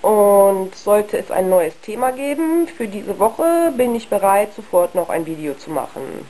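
A young woman talking frankly and haltingly in a casual video monologue, ill with flu, her worn, husky voice giving out. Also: mid-range voice, sing-song, warm tone, low-quality recording. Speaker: video blogger. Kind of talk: casual personal monologue to camera.

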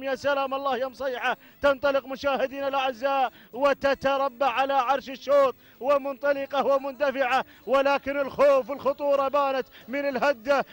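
A man calling a camel race live, chanting rapid, breathless repetitions of phrases. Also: very high voice.

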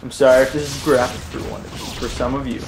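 A man's voice: medium pitch, flat delivery, fairly quick. A man giving casual gameplay commentary, rambling and joking and correcting himself as he goes. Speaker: let's play host. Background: game music and sounds.

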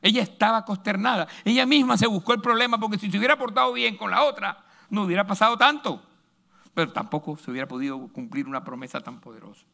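High-voiced pastor preaching. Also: male voice, fast talker, vocal fry. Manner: emphatic, swings between loud and hushed. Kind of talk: sermon.

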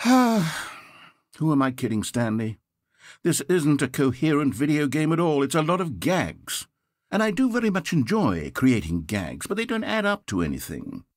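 A fussy, theatrical game narrator is performed by a man whose fairly high, breathy voice swoops wildly in pitch as he delivers his scripted lines a little slowly. He's polite and fretful, wavering between grandeur and self-doubt. The dry, close-miked studio recording has no echo.

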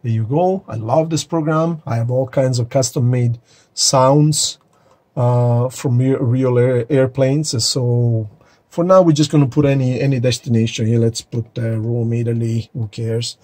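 A man's voice: mid-range voice, steady tone, a little slow, darkish tone. A man casually walking viewers through starting up his home flight simulator cockpit, talking straight to them as he clicks through screens, recorded on a phone in the sim room. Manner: chatty, addresses viewers directly. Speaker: flight sim hobbyist host. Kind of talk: casual tutorial walkthrough. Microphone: phone camera held or mounted nearby.

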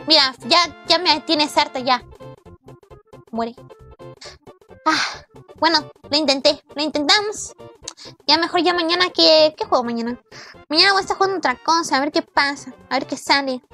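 High-voiced playful woman streamer. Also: moderate pace, long pauses, pushed and bright, faint music behind. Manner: playful, teasing, mock-exasperated, thanks viewers by name. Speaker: VTuber streamer. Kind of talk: live gaming stream chat.

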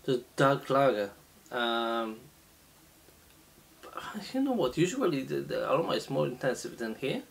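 Slow, halting man reviewing beer. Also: medium pitch, sing-song, creaky. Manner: slow, halting, many fillers and restarts. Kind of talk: casual beer tasting review. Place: small indoor room, seated at a table.

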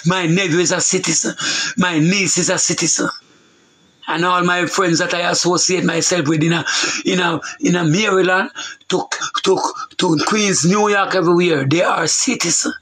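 A man's voice: high voice, fairly even intonation, moderate pace, fairly bright tone, husky, poor audio. A middle-aged Jamaican man with a Jamaican accent, preaching in an emphatic, repetitive way in patois. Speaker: preacher on a talk show. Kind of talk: loose preaching monologue.

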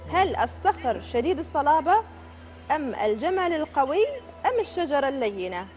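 Woman, quiz show host, high voice, upbeat and crisp, music in the background. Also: sing-song, a little mellow. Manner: brisk, upbeat, reads questions and options crisply. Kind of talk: TV game show hosting. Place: TV studio.

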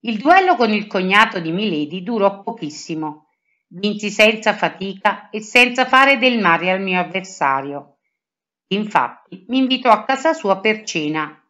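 A woman reading a children's adventure story aloud in first person, with lively intonation. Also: mid-range voice, normal speed, highs cut off. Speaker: storybook reader.

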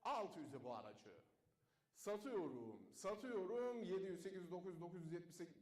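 A man working as a car auctioneer, rattling off bid after bid in a rapid chant and dropping his voice low each time he names the standing price. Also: very animated, roomy sound. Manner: rattles off bids in a fast chant, drops low to call the price.

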